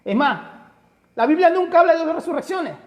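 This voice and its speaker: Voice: extremely high pitch, lively intonation, fairly quick. A Bible teacher giving a study lecture, emphatic and full of rhetorical questions, often addressing listeners as brother. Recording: long hall reverb.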